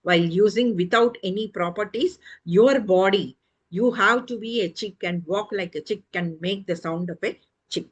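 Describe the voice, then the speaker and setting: A woman's voice: mid-range voice, moderate pace, husky, muffled recording. A woman teacher, explaining storytelling methods in a lecture and asking tag questions. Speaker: early childhood education teacher.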